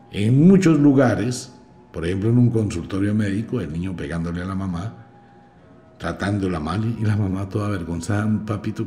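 A man teaching a magic course in a podcast lecture, emphatic and swinging between quiet and loud. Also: on the low side.

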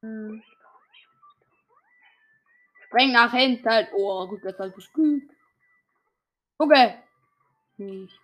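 A young woman chatting casually while playing a video game with a friend, excitable and trash-talking in slang. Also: on the high side, drawn-out words, long pauses. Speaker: gamer. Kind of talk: casual gaming chat.

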